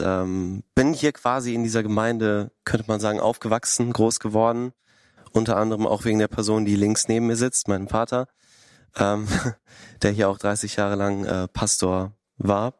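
A young man in his late twenties speaks with a lowish voice, scattering filler sounds as he introduces himself. The recording is dry and close. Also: steady tone, moderate pace, darkish tone, clean tone, dry recording. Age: 20s. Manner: many filler sounds, lightly joking. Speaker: youth worker, panel guest. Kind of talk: casual panel talk.

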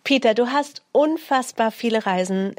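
A woman's voice: a little high, normal speed, dry recording. A woman hosting a faith broadcast interview, greeting the audience and guest in a cheerful, welcoming way. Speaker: host.

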